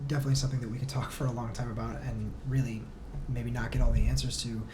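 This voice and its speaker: A man speaks casually as a podcast guest, earnest and reflective, feeling his way through his phrasing in conversational interview talk. His mid-range voice is fast with flat delivery and a dark tone, over a little hiss or hum.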